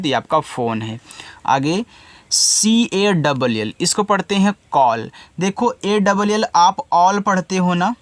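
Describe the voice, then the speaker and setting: A man's voice: fairly high pitch, no room sound. A man teaching reading step by step, patiently sounding out each word letter by letter and correcting himself when he slips. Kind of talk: step-by-step spelling lesson.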